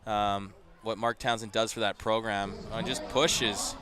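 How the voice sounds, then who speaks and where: A male play-by-play voice at an outdoor stadium, a live crowd heard behind him. He talks in loose, rambling asides between plays and jumps up into shouting when a runner breaks free. It sounds like a livestream from the stands. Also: lowish voice, unhurried. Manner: chatty and rambling, rising to excited shouts on big plays. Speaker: play-by-play commentator. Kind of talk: live football commentary.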